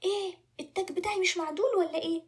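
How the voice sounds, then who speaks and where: A woman with an Egyptian Arabic accent voicing a vain, fussy young prince in a children's story. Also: very fast. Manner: shrill and fussy, squeals in disgust.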